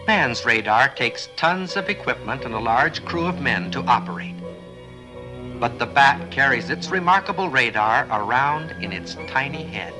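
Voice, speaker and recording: A film narrator gives scripted educational documentary narration in an earnest, explanatory way, often posing rhetorical questions. His voice is medium-pitched, and the audio quality is poor.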